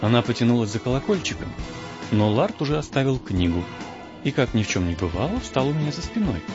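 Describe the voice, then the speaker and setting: A man narrating an audiobook in the first person, telling the story in a lively, theatrical way. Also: medium pitch, fast. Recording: dull lo-fi audio with strong background music.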